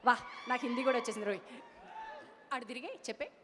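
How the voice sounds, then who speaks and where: A woman anchoring a stage event, energetic and teasing as she calls out to the crowd. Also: on the high side, fast talker, big-room sound, background noise.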